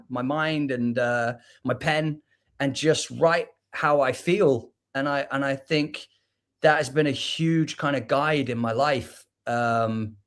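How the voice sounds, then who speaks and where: Reflective Liverpool man, fairly high voice. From England. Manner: reflective, repeats words and restarts often. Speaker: guest poet. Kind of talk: casual interview chat. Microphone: video call.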